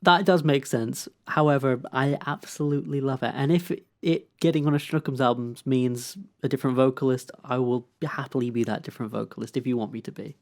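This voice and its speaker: A man co-hosting a songwriting podcast, speaking at a middling pitch. He asks curious, detailed questions about chords. His tone stays relaxed and playful. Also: fairly quick, hardly any pauses. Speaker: podcast co-host. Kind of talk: casual chat about songwriting.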